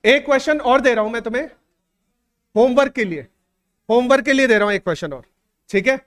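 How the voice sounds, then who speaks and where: A male teacher giving a classroom lecture in a conversational way, repeating phrases, checking in with students, and dictating numbers slowly. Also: extremely high pitch, a bit bright.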